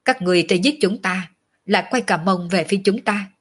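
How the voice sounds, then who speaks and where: A woman voicing a brash young male swordsman in a storybook reading, scornful and coarse, in her own husky voice. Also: mid-range voice, fairly quick, natural voice. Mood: mocking.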